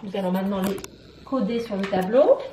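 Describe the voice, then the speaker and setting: A woman with a French accent, teaching syllables to a young child, clapping out each syllable slowly and asking questions. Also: mid-range voice, warm tone, roomy sound, slight background noise. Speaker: preschool teacher. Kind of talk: slow, sing-song phonics lesson for young children.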